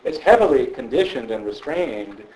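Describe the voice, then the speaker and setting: A man, a philosopher, answering audience questions in a thoughtful, conversational way, often checking in with a quick "right?". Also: mid-range voice, animated, a little mellow, slight background noise, low-quality recording. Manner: thoughtful, frequent "right?" tags. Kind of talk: conversational public Q&A.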